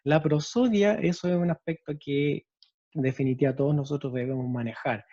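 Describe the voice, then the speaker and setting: Speaking at a normal speed in a mellow, higher-than-average voice, a male special education teacher with a Chilean Spanish accent lectures explanatorily on storytelling. He often checks in using tag questions, and the muffled recording has no room sound.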